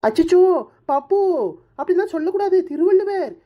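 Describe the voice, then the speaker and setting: A woman's voice: very high voice, brisk, dull audio. A woman voicing a bossy young wife who tutors and scolds a small boy in a Kanyakumari Tamil accent, in a cartoon. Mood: scolding. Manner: scolding, threatening, then coaxing. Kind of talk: cartoon voice acting.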